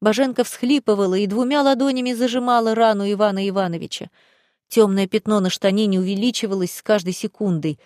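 A woman's voice: mid-range voice, steady tone, quick pace, a little mellow, no room sound, clean studio sound. A woman reading a first-person story aloud in a dramatic, tense way. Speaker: audiobook reader. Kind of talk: first-person audiobook narration.

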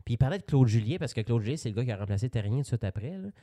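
A man with a Québécois French accent co-hosting a podcast, telling stories with lively swearing and animated asides. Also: mid-range voice, racing, no room sound, studio quality. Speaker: podcast co-host. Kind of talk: casual chat.

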